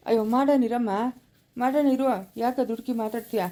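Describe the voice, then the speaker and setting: A woman's voice: fairly high pitch, fairly even intonation, fast talker, mellow, natural voice. A woman with a rural Chikkaballapura Kannada accent, acting a patient elderly village grandfather in a family skit, soothing and reassuring.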